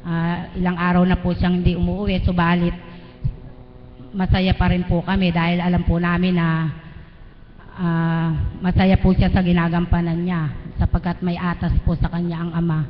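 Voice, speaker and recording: A woman's voice: on the low side, monotone, normal speed. A middle-aged woman giving a live spoken testimony before a church gathering, earnest and deferential as she retells events step by step. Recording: dull lo-fi livestream audio in a reverberant hall, faint noise.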